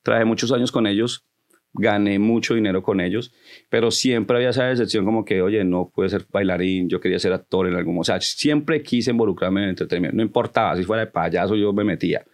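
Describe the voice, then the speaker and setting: A man's voice: on the low side, fast. A man who grew up in the United States, chatting as a podcast guest and telling his story, slipping English phrases into his Spanish. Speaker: podcast guest, company founder. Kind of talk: casual storytelling interview.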